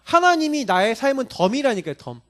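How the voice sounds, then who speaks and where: Male pastor, sermon; high voice, very animated pitch, keeps quizzing the congregation. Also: a little fast. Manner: animated preaching with many rhetorical questions to the congregation.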